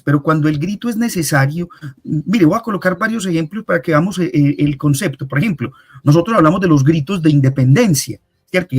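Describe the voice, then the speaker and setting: A man, a university professor and researcher, answering an interviewer in a measured, explanatory way with frequent hesitations. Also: a little high.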